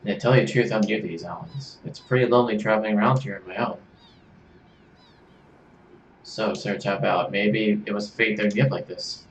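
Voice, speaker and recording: A man voicing a brash young woman fighter in a video game, with a rough put-on Australian-British accent and a slangy, cocky way of talking. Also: on the low side, fairly even intonation, fairly quick, pauses often, muffled recording, slight background noise, lightly acted. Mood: friendly. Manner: cocky, slangy, calls people mate. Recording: roomy room, faint game music.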